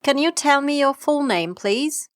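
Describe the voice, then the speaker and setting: A woman's voice: high voice, expressive, a little slow. A woman playing an exam examiner, asking scripted questions politely and formally.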